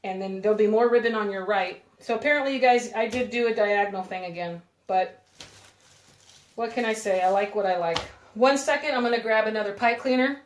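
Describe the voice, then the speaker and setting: A woman's voice: mid-range voice, fairly quick. A woman talks viewers through a crafting project on a live stream, rambling and chatting as she works. Her talk is casual and loose. The room around her sounds echoey. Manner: chatty, rambling, giggly, talks while working with her hands. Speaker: craft video host.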